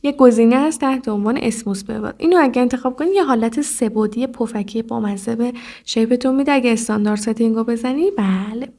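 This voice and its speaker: Female tutor, slightly high voice, casual step-by-step screen tutorial, talks straight to the viewer. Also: darkish tone. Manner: explanatory, addresses viewer directly, frequent "look". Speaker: video editing tutor.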